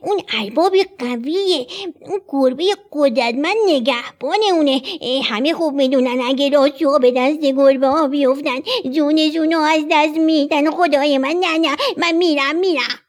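A woman's voice: high voice, few pauses, close to an everyday voice. A woman voicing a frightened, nervous weasel in a children's storybook. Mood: scared. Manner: nervous, repeating itself.

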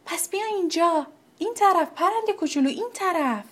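A woman's voice: very high-pitched, lively intonation, fairly bright tone, voice pushed up. A woman voicing a friendly, welcoming spruce tree that calls out cheerfully in a children's story.

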